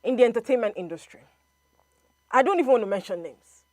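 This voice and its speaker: A woman's voice: a little high, fast, no room sound. A woman, debating assertively in a casual talk show and listing examples to back her view. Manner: assertive, lively, lists examples.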